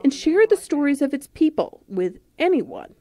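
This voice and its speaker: A woman's voice: sits high, big pitch swings, moderate pace, dark tone. A woman reporter reading scripted narration for a news feature.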